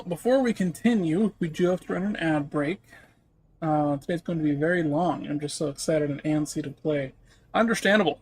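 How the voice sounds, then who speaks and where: A man talking casually and informally to viewers as he hosts a live game stream. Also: fairly high pitch. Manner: informal, chatty.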